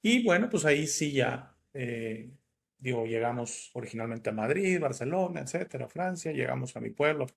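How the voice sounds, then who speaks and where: A man's voice: mid-range voice, vocal fry. A man from northern Italy, the host, telling a personal story in a reflective, casual way. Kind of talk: casual chat.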